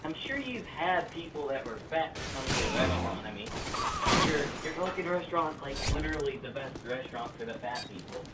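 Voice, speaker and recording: A young man who makes prank-call videos rambles crudely and hesitantly during a casual prank phone call. His voice is a little high with big pitch swings, and he talks fairly quickly. The mic is distant and roomy, with background noise.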